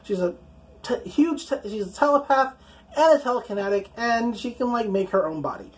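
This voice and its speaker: A woman's voice: a little high, animated, moderate pace. A woman casually recapping a comic book, chatty and profane, full of fillers.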